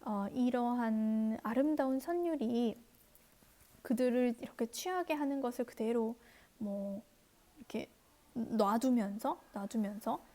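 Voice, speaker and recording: High mellow-voiced woman reading and explaining. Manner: reads English lines very slowly, often softly whispered. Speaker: English teacher. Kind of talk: reading an English novel aloud and explaining in Korean.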